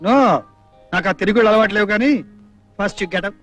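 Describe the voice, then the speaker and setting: A stern young man in an old film, with a fairly high voice and brisk delivery. He is curt and firm and brushes others off, with film music faint underneath. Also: fairly even intonation, a bit bright.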